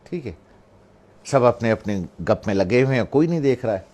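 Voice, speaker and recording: This middle-aged man from Pakistan, a religious speaker, has a medium-pitched, darkish voice with lively intonation. He recounts a family story to bring out a moral, performing the voices of the relatives in it.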